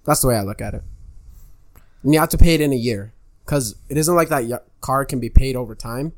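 A young man co-hosting a podcast in casual chat, joking and laughing often. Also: medium pitch. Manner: laughing, joking, quick to riff. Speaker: podcast co-host.

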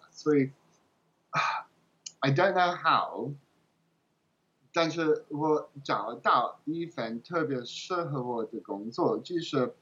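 A foreigner, a native English-speaking man, chatting casually in English-accented Mandarin as an interview guest, halting as he searches for words and slipping into English. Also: medium pitch, a bit bright, slightly rough, dull audio. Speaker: interview guest, game translator.

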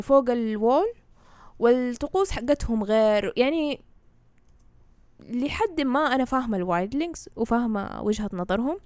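Her voice sits a little high and has a darkish tone, with no echo in the recording. This Hejazi Saudi woman is a guest who knows her fantasy lore, laying it out informally in Arabic peppered with English and frequently making sure her listener keeps up.

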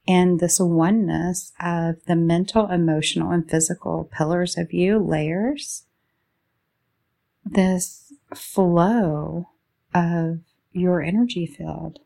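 This woman's voice is lowish, creaky and soft-edged as she guides a meditation, her phrases short, drawn out and calming.

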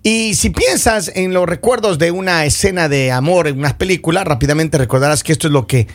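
A man hosting a casual panel chat, telling stories in an animated way. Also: on the high side, a little fast. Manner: animated storyteller.

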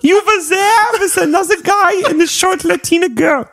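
A man voicing a giggly young Dutch boy in a high, sing-song voice. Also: normal speed, creaky, fairly bright tone, no room sound, studio quality, exaggerated voice. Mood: giddy. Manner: giggling through the reading.

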